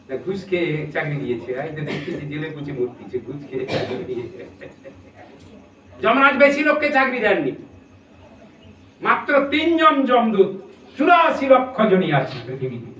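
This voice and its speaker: Here a high-voiced man with a sharp tone preaches from scripture, walking through his points one by one and asking rhetorical questions of his audience. It's captured in an echoey room on a distant mic with faint noise.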